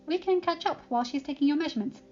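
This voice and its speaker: A woman's voice: rapid-fire, warm tone, lightly acted. A woman doing a flustered young pony princess. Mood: shy. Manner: stammering, high and flustered. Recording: slightly dull lo-fi recording, faint music.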